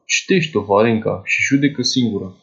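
A man's voice: on the low side, gravelly, a bit bright, dull audio. A man playing a poor, fussy older clerk who confides in a young woman in a chatty, doting way. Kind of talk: dramatized literary monologue.

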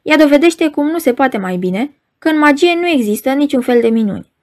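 A woman voicing a pompous, nervous male stage compere who speaks louder and grander than usual. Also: sits high, expressive.

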